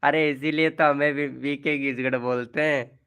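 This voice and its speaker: A man's voice: fairly high pitch, fairly even intonation, moderate pace, fairly bright tone, clear, resonant tone. A man hosting a casual live stream, playfully teasing viewers as he reads their messages. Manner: playful, teasing, chuckling often.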